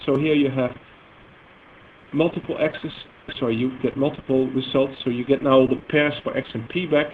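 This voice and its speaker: A Dutch man from the Netherlands, speaking with a Dutch accent in a medium-pitched voice, gives a live technical demo as a software presenter showing database queries. His explanation is halting, heavy with fillers, and self-correcting. The audio is tinny and phone-like, lo-fi, with faint noise.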